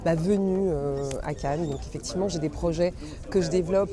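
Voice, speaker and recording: A woman's voice: fairly low pitch, fairly quick. A woman, an actress and new screenwriter, speaking earnestly in a festival interview. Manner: earnest, with light laughs. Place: outdoors at a busy festival. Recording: crowd noise outdoors.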